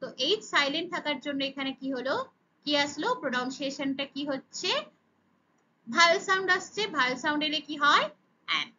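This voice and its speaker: A woman with a high, bright voice and a Bengali accent teaches children grammar. She poses questions and answers them herself, with frequent "okay"s. The recording sounds dull and lo-fi. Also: brisk. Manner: asks and answers her own questions, says "okay" often. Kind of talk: explaining grammar lesson.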